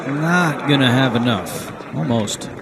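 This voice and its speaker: A man's voice: medium pitch, slow, gravelly. A man working as lead golf commentator, calling live tournament play. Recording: steady outdoor background noise.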